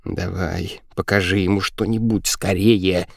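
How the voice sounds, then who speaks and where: A man voicing a frantic, bossy and spiteful girl in an audiobook, with shrill, scolding and hurried whispered lines. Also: fairly even intonation, creaky, no room sound, clean studio sound, full character voice.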